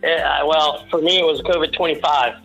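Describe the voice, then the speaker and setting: A man's voice: fairly high pitch, steady tone, creaky, fairly bright tone, faint music behind. Rambling, jokey male guest, very dull lo-fi sound. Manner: jokey, rambling, halting delivery. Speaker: podcast guest, small-business owner. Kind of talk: casual interview chat.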